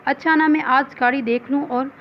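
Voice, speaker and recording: A woman's voice: high voice, fairly even intonation, moderate pace, muffled recording, a little hiss or hum. A woman reading the lines of a cheerful, teasing young woman in a recorded novel. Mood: lively. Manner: playful and teasing.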